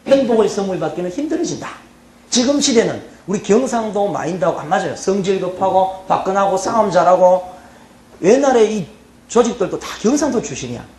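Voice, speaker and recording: A middle-aged man from the Gyeongsang region with a Gyeongsang accent, giving a humorous university lecture and checking on his students with quick "eh?" asides. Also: high-pitched, darkish tone. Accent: Gyeongsang Korean. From South Korea, Gyeongsang region. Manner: chatty, teasing, checks the audience with frequent "예?" and "어?". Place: lecture hall. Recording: roomy hall with faint background noise.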